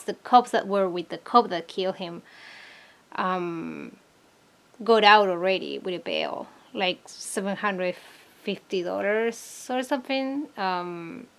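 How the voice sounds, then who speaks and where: A woman's voice: medium pitch, a bit bright. A woman from Argentina talking casually to her viewers in a vlog, hesitant and searching for words, earnest and troubled. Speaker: vlogger. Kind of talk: casual talk to camera.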